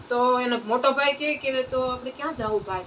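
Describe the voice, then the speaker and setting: Her voice sits high and sounds animated as she moves at a moderate pace through the story of a saint's life. This devotional storyteller speaks at a satsang in a simple folk manner with repeated phrases, captured by a distant mic with faint ambient noise.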